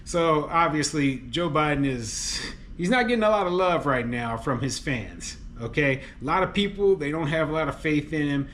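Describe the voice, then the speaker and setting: A man who owns rental homes talks through a news story in a loose, chatty way. He leans on fillers like "you know" and "okay" and laughs often. His voice sits a little high, and he turns openly exasperated as he gives his opinions. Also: expressive, moderate pace, few pauses, a bit bright, slight background noise. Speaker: landlord and real estate commentator. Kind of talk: casual commentary reading a news article.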